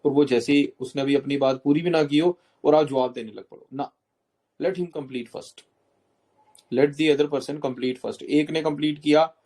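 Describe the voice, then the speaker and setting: A man's voice: a little high, fairly even intonation, a little slow, darkish tone. A man coaching students for a job interview, explaining step by step, mixing English terms into Hindi and often checking in with "okay?".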